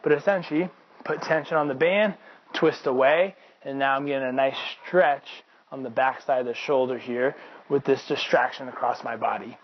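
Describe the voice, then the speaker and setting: A man's voice: medium pitch, normal speed. Man, fitness coach, casual how-to talk while demonstrating, slightly dull recording. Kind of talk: instructional demonstration.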